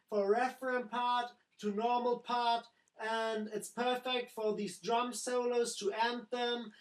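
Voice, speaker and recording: Slow, echoey woman explaining software. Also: on the high side. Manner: simple phrasing, doubling words like "very, very nice". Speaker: music production tutor. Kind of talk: screen-recorded software tutorial.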